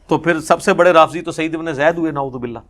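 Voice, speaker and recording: A man delivers a religious lecture. His voice sits a little high, and he tells his narrations with animation. He acts out the quoted speech as he goes. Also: fairly bright tone. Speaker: religious scholar.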